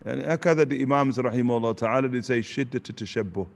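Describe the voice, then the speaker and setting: A man, teaching in a relaxed question-and-answer lesson and dropping Arabic phrases between points. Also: medium pitch, quick pace, vocal fry. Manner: conversational, sprinkles Arabic phrases, asks "you get the point?". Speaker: religious teacher.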